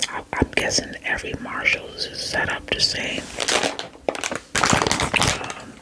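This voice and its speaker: An ASMR creator whispering casually to viewers, rambling and hesitant as if thinking aloud. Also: slow pace.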